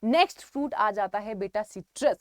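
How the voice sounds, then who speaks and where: A woman's voice: medium pitch, normal speed, no echo, clean studio sound. A woman teacher with an Indian accent giving an online exam-prep lecture, calling her students "beta" and repeating key points as she reads out scientific plant names carefully.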